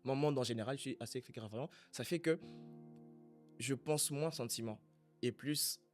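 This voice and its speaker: A man from Congo in a casual faith conversation, speaking in a reflective, halting way as he searches for his words. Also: mid-range voice, soft background music.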